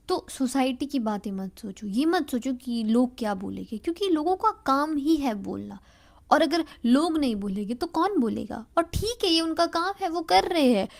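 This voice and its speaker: A woman's voice: a little high, a little mellow. A woman giving earnest motivational advice straight to the listener, repeating phrases for emphasis and mixing in English words. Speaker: motivational speaker. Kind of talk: motivational talk to camera.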